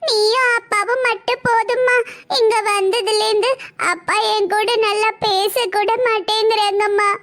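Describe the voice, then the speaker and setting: Brief: tearful little child, high and whiny, cartoon. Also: female voice, little pitch movement, unhurried, a bit bright. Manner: whining, pleading. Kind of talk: cartoon voice acting.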